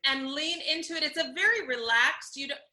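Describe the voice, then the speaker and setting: A woman with a very bright, ringing tone and a slightly high voice speaks as a voice coach. She explains vocal technique in an instructive way and acts out the sounds she is describing. Her delivery is clear and teacherly. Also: a little fast. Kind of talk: interview answers, coaching demonstration.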